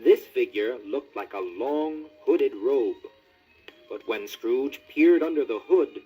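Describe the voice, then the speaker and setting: A man narrating a children's storybook record, with expressive, scripted delivery. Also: medium pitch, slow pace, slightly rough, muffled recording, soft background music. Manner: animated, expressive.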